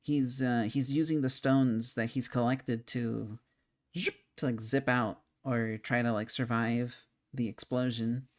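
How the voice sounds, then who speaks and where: A man's voice: medium pitch, level tone, slow pace. Rambling young man talking about a game. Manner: rambling, frequent fillers and restarts, thinking aloud. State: hiccuping. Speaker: game commentator. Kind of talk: casual spoken game discussion.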